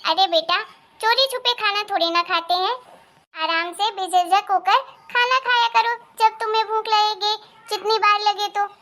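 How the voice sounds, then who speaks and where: A firm but loving mother-in-law in a cartoon family story, with a very high voice, as a woman plays her. She reassures and gently lectures at length. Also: normal speed.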